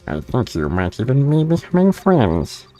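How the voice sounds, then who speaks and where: A man's voice: mid-range voice, wildly swooping pitch, moderate pace, mellow, no room sound, soft background music, pitched above the performer's own voice. A man reading game dialogue aloud, putting on a disguised voice for a mocking mystery caller. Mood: taunting. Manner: smug, mocking, sing-song.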